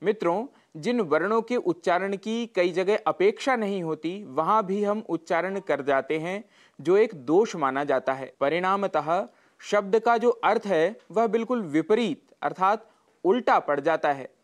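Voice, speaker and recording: A Sanskrit teacher giving a scripted broadcast lesson, with careful, deliberate enunciation and a measured, instructive delivery. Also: mid-range voice, lively intonation.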